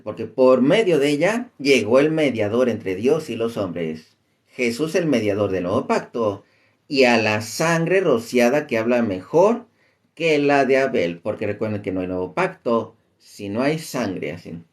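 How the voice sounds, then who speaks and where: A man with a medium-pitched, animated voice gives informal Bible teaching at a measured pace. He reads scripture aloud, searches for verses in the middle of talking, and uses "este" as a filler.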